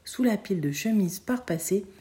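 Lectrice, récit à la première personne d'un enfant, ton posé, timbre doux et chaud. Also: female voice, medium pitch, lively intonation, moderate pace, warm tone. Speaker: reader. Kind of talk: storytelling narration in a child's first person.

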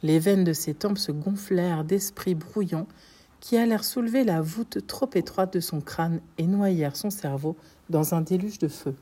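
Low, mellow woman narrating an audiobook. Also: normal speed, husky. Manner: steady, dramatic storytelling. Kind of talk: scripted narration.

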